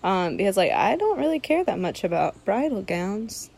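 A woman's voice: mid-range voice, sing-song, normal speed, creaky, darkish tone. A young woman in casual podcast chat, talking loosely with constant "like" fillers. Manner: chatty, heavy use of 'like', laughs easily.

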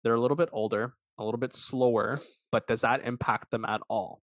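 A man hosting a casual football discussion, his voice at an ordinary middle pitch. He states blunt, opinionated takes. The sound is dry and close. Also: steady tone, a little fast, fairly bright tone, no echo. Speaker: podcast host. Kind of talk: casual sports chat.

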